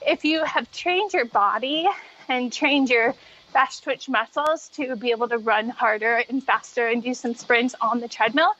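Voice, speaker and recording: High-voiced woman, slightly muffled audio. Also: a little slow, bright, forceful tone. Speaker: podcast guest, treadmill runner. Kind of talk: casual interview conversation.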